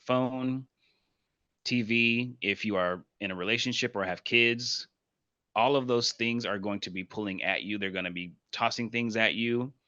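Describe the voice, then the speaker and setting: Bright-voiced man, earnest and reflective. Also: fairly low pitch, no room sound, highs cut off. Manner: earnest, reflective, repeats affirmations softly. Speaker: guest speaker and performer. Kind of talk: casual podcast conversation.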